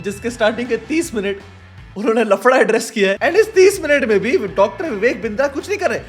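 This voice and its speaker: A young man, his voice pitched very high, delivers sarcastic reaction commentary. Light music sits faintly underneath. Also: a bit bright. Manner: sarcastic, mixes English into Hindi. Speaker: YouTube commentator.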